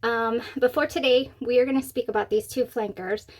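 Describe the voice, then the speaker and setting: A woman with a somewhat high voice hosts a casual, chatty review. She sounds giddy and gushes with excitement. Her mouth is still swollen on one side after wisdom teeth removal. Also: fairly quick. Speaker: fragrance review channel host.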